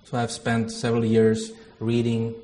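Poor audio and slight background noise accompany a Czech man with a Czech accent as he opens a theology workshop. His medium-pitched, dark voice stays monotone at a moderate pace, and his informal talk, prayer included, is hesitant, full of fillers and self-deprecating.

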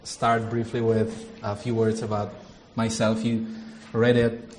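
A Czech theology lecturer with a Czech accent opens an informal workshop that includes a prayer, speaking hesitantly with many fillers and self-deprecating remarks. His fairly low voice is completely flat and a little slow, over a bit of hiss or hum.

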